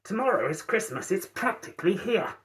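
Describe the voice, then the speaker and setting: A man voicing the Grinch as a grumpy, sour, Christmas-hating monster who reads a children's storybook in a theatrical, animated way. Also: sits high, brisk. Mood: exasperated, sneering. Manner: grouchy, theatrical, repeats words with mounting emphasis. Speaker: storybook reader in character.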